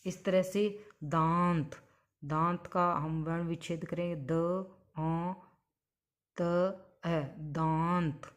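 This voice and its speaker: A woman's voice: on the low side, steady tone, takes it slowly, pauses often. A woman teaching Hindi grammar, spelling out sounds one at a time and stretching each example word. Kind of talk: slow explanatory grammar lesson.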